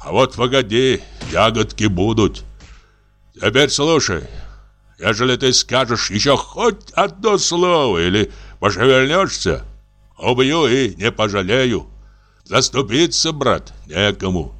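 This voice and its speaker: Man playing a gruff threatening barber, rough commanding bark, lively pitch. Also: unhurried, faint music behind. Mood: menacing. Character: rough lower-class male barber, gruff and menacing.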